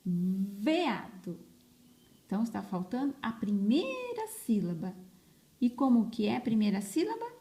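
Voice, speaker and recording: A woman, a teacher giving an early literacy lesson to children, stretching words slowly and repeating each syllable with emphasis, recorded on a phone. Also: fairly high pitch, huge pitch swings, dark tone.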